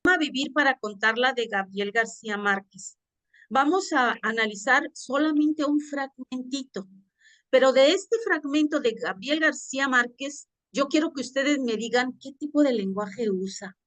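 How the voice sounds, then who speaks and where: A woman's voice: high-pitched, a little slow, a bit bright, dry recording. A woman teaching a class, reading a passage aloud and asking her students questions.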